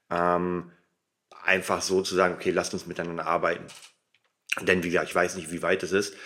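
A man's voice: low voice, pushed and bright. A man hosting a casual, rambling solo podcast, informal and emphatic, his articulation slightly impeded by a dental retainer. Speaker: podcast host.

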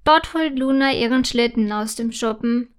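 A woman narrating a children's story in a gentle, clearly articulated way. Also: on the high side, normal speed.

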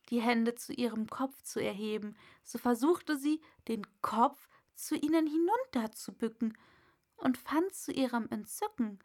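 A woman narrating a storybook aloud in an unhurried, expressive reading. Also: on the high side. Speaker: audiobook narrator.

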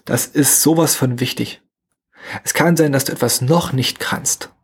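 A young man talks straight at his listeners in a motivational solo podcast, words tumbling out quickly and a little slurred. His voice carries a husky, slightly breathy edge at an average pitch. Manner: fast, slightly mumbled casual speech. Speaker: podcast host.

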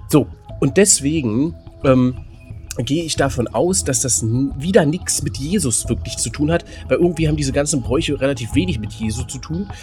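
A man's voice: mid-range voice, lively intonation, normal speed, a little mellow, faint music behind. A man co-hosting a casual podcast, thinking aloud as a quiz contestant, rambling with lots of fillers and laughter.

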